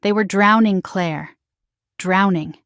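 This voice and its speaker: A woman's voice: mid-range voice, takes it slowly, a bit bright, dry recording. Woman doing stern defensive dad, curt, bossy, dry close sound. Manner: curt, commanding. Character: defensive middle-aged father, stern.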